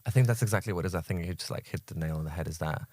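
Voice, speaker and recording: A man in a casual podcast conversation who speaks reflectively and pauses to search for his words. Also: low-pitched, a little mellow, no room sound.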